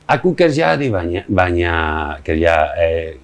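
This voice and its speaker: A man from Spain with a Spanish accent answers casually in an interview as a foreigner, speaking simple, halting Indonesian as a non-native. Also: deep voice, big pitch swings. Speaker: interview guest.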